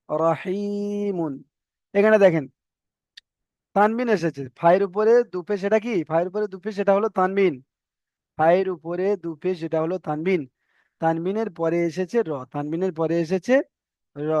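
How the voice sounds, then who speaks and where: A man with a fairly high, darkish, clear, resonant voice teaches a reading lesson, slowly drawing out each letter and syllable and repeatedly pausing to make sure his students are following. The recording is dry and a bit dull.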